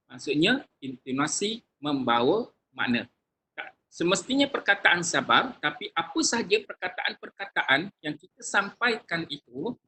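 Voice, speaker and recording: A male religious teacher giving a lecture to a class, lively and acting out sample phrases in changing tones, addressing listeners warmly with frequent religious phrases. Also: a little high, slight background noise, rough recording.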